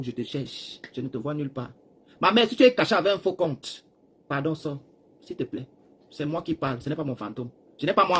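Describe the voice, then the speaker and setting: A Cameroonian man rambling through a live stream, talking straight to his viewers and swinging between loud bursts and hushed asides while seated. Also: fairly high pitch, slight background noise. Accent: Cameroonian French. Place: seated, chair.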